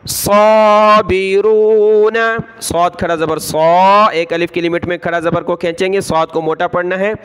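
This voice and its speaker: A man teaching Quran reading word by word. He chants each word slowly and spells out its letters and vowel marks, then explains quickly. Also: high voice, a bit bright, clean tone. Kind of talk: word-by-word recitation lesson.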